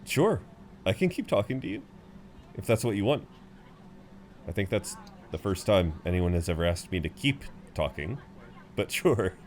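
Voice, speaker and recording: With a deep voice, big pitch swings, a moderate pace and long pauses, a man performs one half of an intimate roleplay audio over a little hiss or hum. His character, a friendly, chatty tall frequent flyer who rambles kindly, comforts a seatmate in a concerned, gently flirty mood.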